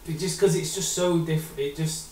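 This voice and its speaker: A man's voice: fairly high pitch, fairly even intonation, moderate pace, darkish tone. A man co-hosting a podcast, rambling and hesitant in casual chat. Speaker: podcast co-host. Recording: roomy, distant mic, faint hum.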